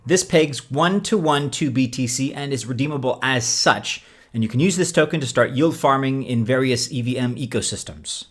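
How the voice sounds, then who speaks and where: Speaking at a normal speed with a medium-pitched voice, the host of a crypto investing explainer video presents his script in a presenter's manner, mixing in relaxed, conversational asides.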